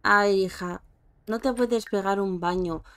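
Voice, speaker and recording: In a casual let's-play of a life-simulation game, a female streamer chats away and talks to her characters. Her medium-pitched voice is clear, resonant and fairly bright, delivered at a measured pace.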